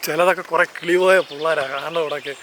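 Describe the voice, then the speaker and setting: A man's voice: on the high side, steady tone, fast, fairly bright tone, a little hiss or hum. A man with a Malayali accent narrating a casual travel vlog as he walks outdoors, holding the camera and chatting enthusiastically, often correcting himself. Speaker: travel vlogger. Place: outdoors walking through a seaside town and park. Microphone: handheld camera while walking.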